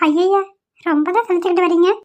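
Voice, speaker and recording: A woman voicing a mild, placating young wife in a cartoon, talking in a gentle, pleading way. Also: very high-pitched, fairly even intonation, fast, highs cut off.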